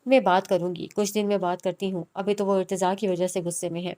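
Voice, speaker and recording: A tearful middle-aged mother pleading with her grown son, read by a woman. Her voice is clear and smooth, with a crying, imploring tone in a storybook reading. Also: mid-range voice, level tone, dark tone, natural voice.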